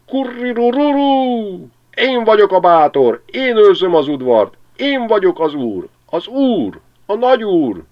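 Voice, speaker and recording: Pompous rooster, shrill crowing, lo-fi sound. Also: male voice, very animated. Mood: boastful. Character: boastful male rooster, pompous and proud.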